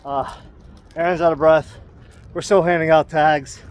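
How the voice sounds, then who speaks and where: A man's voice: fairly high pitch, steady tone, a little slow, smooth. A man vlogging casually while walking around an outdoor parking lot, sounding enthusiastic and admiring. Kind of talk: casual walk-and-talk vlog.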